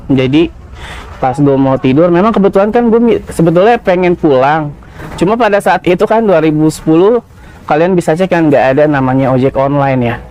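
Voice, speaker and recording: Man, 30s, podcast guest, warm mellow tone, casual confessional storytelling. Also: on the high side. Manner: casual slangy confessional, many fillers. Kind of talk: personal storytelling.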